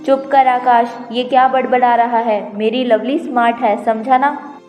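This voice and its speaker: A high, mellow-toned wicked stepmother from a moral-story cartoon, played by a woman. She scolds and schemes sharply in her words, in a reverberant sound with music behind. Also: steady tone, unhurried, close to an everyday voice. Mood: scolding, menacing. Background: background music.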